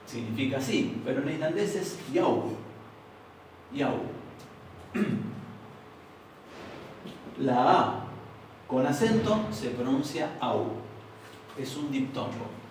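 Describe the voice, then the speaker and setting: Recorded from a distance by a room mic in a very echoey room with slight background noise, a young man speaking Argentine Spanish explains material patiently to an informal university class, often checking for agreement. His voice is medium-pitched and a little mellow.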